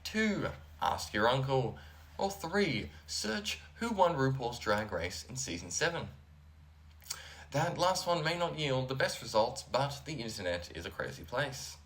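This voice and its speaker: A man's voice: medium pitch, big pitch swings, measured pace, a bit bright. A man hosting a comedy show, delivering a scripted monologue in a dry, sardonic way. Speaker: host.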